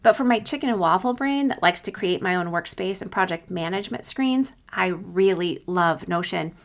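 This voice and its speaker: A woman's voice: lowish voice, lively intonation, moderate pace. A woman hosting a solo coaching podcast, talking conversationally and giving informal, encouraging advice.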